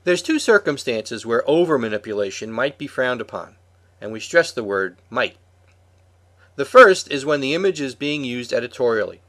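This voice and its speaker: A man's voice: medium pitch, fairly bright tone. A man co-hosting a podcast, reading a prepared script in an explanatory way. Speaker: podcast co-host.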